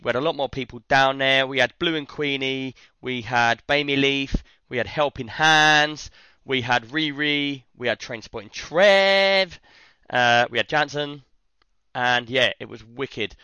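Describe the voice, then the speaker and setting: A British man with a hoarse, worn-out voice, chatting casually as the host of a livestream. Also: mid-range voice, measured pace, sharp tone, dry recording. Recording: slightly dull, lo-fi stream audio.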